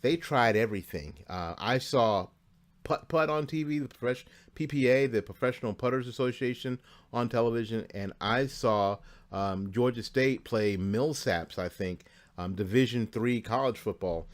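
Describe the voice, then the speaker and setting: A man's voice: mid-range voice, moderate pace. A man hosting a sports talk show in a studio, chatting casually through college bowl game scores with asides and frequent fillers. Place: studio near Tampa Bay.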